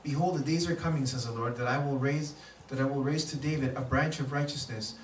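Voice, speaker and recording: A man's voice: medium pitch, steady tone, normal speed, a little hiss or hum. Man interpreting a sermon, echoey and distant. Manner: echoes the preacher's emphasis and shouts. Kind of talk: live sermon interpretation into English. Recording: echoey room, mic far off.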